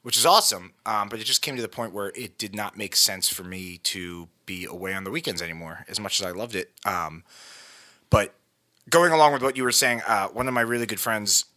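A man's voice: on the low side, a little fast, sharp tone. A man in his thirties talking casually as a podcast guest, easygoing and self-deprecating. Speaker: podcast guest, musician and photographer. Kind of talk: casual interview chat. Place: living room.

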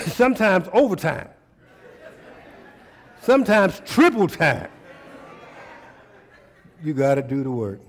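A man's voice: a little high, big pitch swings, takes it slowly, pauses often, a faint crowd. An American man preaching a sermon conversationally and emphatically, repeating phrases and putting questions to his listeners. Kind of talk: sermon with call and response.

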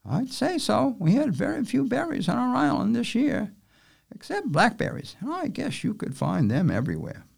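A man's voice: extremely high pitch, wildly swooping pitch, moderate pace, gravelly, breathy edge, pitched above the performer's own voice, full character voice. A man reading a novel aloud, raising his voice to play a plain-spoken island girl. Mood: matter-of-fact. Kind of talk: audiobook character voice.

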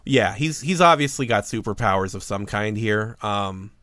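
A man's voice: on the low side, animated, moderate pace, fairly bright tone, dry recording, clean studio sound. A man co-hosting a podcast, recapping a film in casual chat with a wry, joking manner and frequent laughs. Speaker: podcast co-host. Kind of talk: casual movie-review chat.

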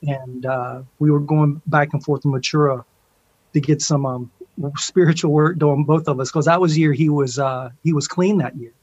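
A man's voice: on the high side, steady tone, moderate pace, darkish tone, slightly rough. Laid-back man, roomy muffled recording. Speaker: interview guest, steel pan musician. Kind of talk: casual chat, reminiscing. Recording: dull, roomy online-call sound.

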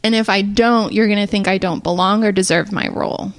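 A woman's voice: medium pitch, fairly even intonation, a little fast, no echo. A woman podcast guest speaking candidly and openly about herself. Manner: candid, self-revealing. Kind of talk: candid conversational chat.

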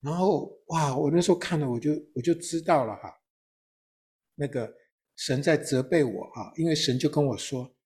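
A man, a pastor, telling a personal testimony in an interview, with a storytelling manner and frequent soft tag particles at the ends of his phrases. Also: fairly high pitch, normal speed, husky.

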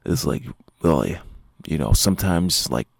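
A man's voice: a bass voice, animated, moderate pace, creaky, breathy edge. A man hosting his own podcast as a martial arts instructor, talking casually and rambling with lots of fillers and restarts. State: sleepy, yawning. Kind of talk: casual solo podcast talk.

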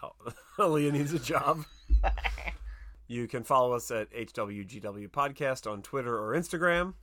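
A man's voice: mid-range voice, lively intonation, moderate pace, fairly bright tone, a little hiss or hum. A man hosting a podcast in a casual, joking, conversational style. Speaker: podcast host. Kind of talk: casual comedic chat.

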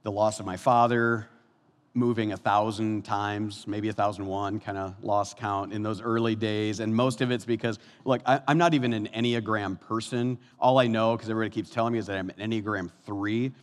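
A man in his fifties preaching a sermon, animated, his voice swinging from soft and low to loud and high. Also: brisk. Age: 50s. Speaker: pastor. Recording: long hall reverb.

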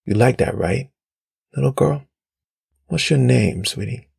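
A man reading aloud, voicing a menacing armed male scavenger who talks low and coaxing, with a gravelly, husky voice. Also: animated, a little slow, darkish tone, heavily acted. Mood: coaxing menace.

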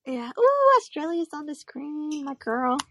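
A woman's voice: high voice, very animated, unhurried, fairly bright tone, no echo. A woman, a pageant contestant, chatting casually in an easygoing way with lots of fillers. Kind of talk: casual chat.

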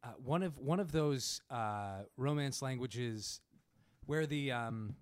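A man with a Pittsburgh accent, a podcast guest who talks haltingly with many restarts in a casual chat. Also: mid-range voice, smooth.

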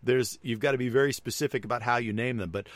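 A man's voice: medium pitch, fast talker, no echo. A man co-hosting a casual tech chat, chatty and wry, often laughing at his own examples. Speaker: tech podcast co-host.

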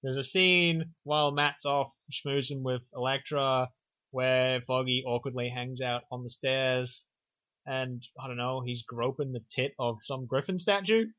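A young man casually recapping a film on a podcast, sarcastic and animated, slipping into silly voices. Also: medium pitch, a little slow, no echo. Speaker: podcast co-host. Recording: dull lo-fi dry recording.

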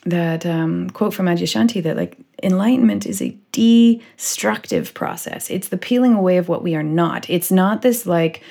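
A woman's voice: fairly low pitch, moderate pace, vocal fry, hardly any pauses, mellow. A woman hosting a casual podcast conversation, rambling with lots of "like" and "you know". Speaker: podcast host.

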